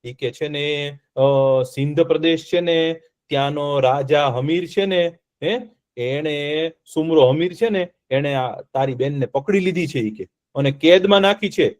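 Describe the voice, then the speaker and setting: Male storyteller, high voice, keeps the kids involved with questions. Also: measured pace. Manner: lively, asks the children questions as he tells. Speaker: storyteller for children. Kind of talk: telling a folk tale to children in an online class.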